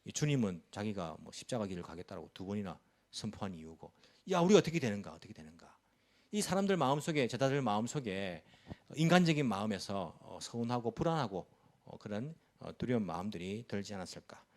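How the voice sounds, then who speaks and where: During a church service, a male pastor preaches a sermon in a lively, brisk voice. He drives his point home with repeated rhetorical questions, his pitch rising and dropping sharply for emphasis.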